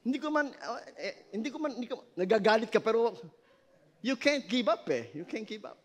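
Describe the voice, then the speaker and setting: This is a middle-aged man with a Filipino accent delivering a sermon to his congregation. His voice sits high for a man. He swings between ringing emphasis and soft, personal asides. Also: sing-song, brisk. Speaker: pastor.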